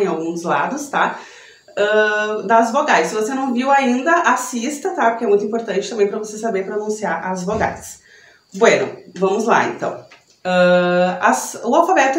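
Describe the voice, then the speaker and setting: Young Brazilian woman, language teacher, chatty and friendly, mid-range voice, recorded in an echoey room. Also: mid-range voice. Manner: chatty, tag questions after each point. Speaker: Spanish teacher. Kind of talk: online language lesson.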